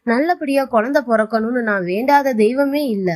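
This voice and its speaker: Woman playing an older wife, earnest, pleading, slightly high voice. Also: moderate pace, darkish tone, natural voice.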